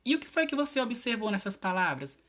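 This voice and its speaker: A woman teacher, patiently going over homework answers in a recorded video lesson and spelling out each word slowly. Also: on the high side, sing-song, a bit bright. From Piauí, Brazil.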